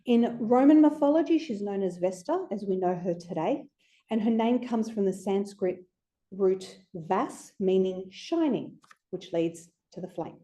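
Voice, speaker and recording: Her voice sits in the mid range, animated and warm, moving at a measured pace. She is an astrology speaker giving a group an informal, conversational lecture sprinkled with playful asides.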